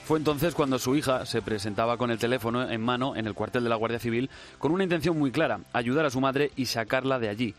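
Man, radio news co-presenter, brisk lively reading, faint music. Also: mid-range voice. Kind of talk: scripted news narration.

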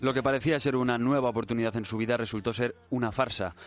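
Fast-talking male radio newsreader. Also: medium pitch, flat delivery, soft background music. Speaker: radio news co-presenter. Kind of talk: scripted news narration.

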